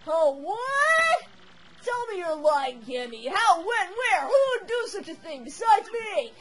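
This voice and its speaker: A woman's voice: high-pitched, animated, moderate pace. A woman playing a blustering villain king. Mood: angry. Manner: bellowing, bossy and impatient. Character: blustering male turtle-dragon king villain.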